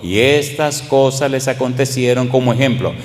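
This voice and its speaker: A man's voice: mid-range voice, moderate pace, in a large hall. A Dominican man with a Dominican accent, a pastor preaching a sermon in a church and driving his points home with repeated rhetorical questions. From Dominican Republic.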